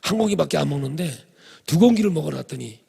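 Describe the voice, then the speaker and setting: Guy preaching, raspy gravelly voice, kinda highish, cracks jokes at the crowd. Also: expressive, fast talker, darkish tone. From Chungcheong Province, Korea. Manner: humorous, addresses congregation directly. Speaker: pastor. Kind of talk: revival sermon.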